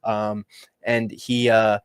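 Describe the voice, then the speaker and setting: A young man hosting a livestream, talking casually and upbeat, rambling and restarting his sentences, at times dropping low and at times getting loud. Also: completely flat delivery, takes it slowly, smooth, no echo, studio quality. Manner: rambling, upbeat, restarts often and shifts between hushed and loud. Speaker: livestream host. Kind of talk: casual motivational livestream talk.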